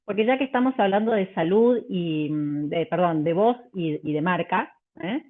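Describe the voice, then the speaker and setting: A woman vocal coach, teaching a live online workshop, full of fillers and restarts and demonstrating pitch and volume changes. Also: animated, normal speed. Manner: hesitant, many fillers and restarts. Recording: tinny phone-like audio.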